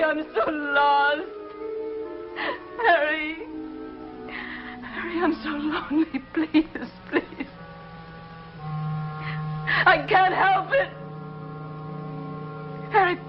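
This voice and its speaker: A tearful, desperate woman clings to a phone call, played by an actress, her high voice breaking into halting, stammered pleas. It has the dated delivery of a 1950s television drama. The sound is muffled, with music playing clearly underneath. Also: lightly acted. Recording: muffled old TV broadcast with music.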